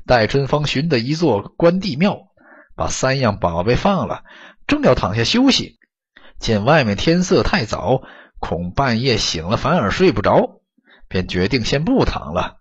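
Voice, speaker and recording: A man with a medium-pitched, husky voice narrates an audiobook story in an expressive, dramatic storytelling manner. The recording is dull and lo-fi.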